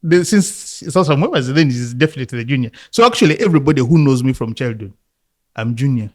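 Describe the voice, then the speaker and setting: A man from Uganda in his fifties, a football coach, telling his life story in a relaxed interview, reflective and often laughing. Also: medium pitch, quick pace. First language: Luganda.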